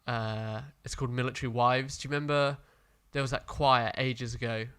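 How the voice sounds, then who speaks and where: Rambling man with a bright, smooth voice. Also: mid-range voice, fairly even intonation, normal speed. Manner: rambling, hesitant, full of fillers. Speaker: podcast co-host. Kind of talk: casual chat.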